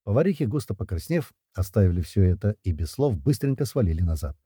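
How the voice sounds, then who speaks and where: A male audiobook narrator with a husky, very dark voice and a lively, wry, slangy delivery. His pitch swings widely as he tells the story. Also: quick pace, no echo, studio quality. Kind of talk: scripted first-person narration.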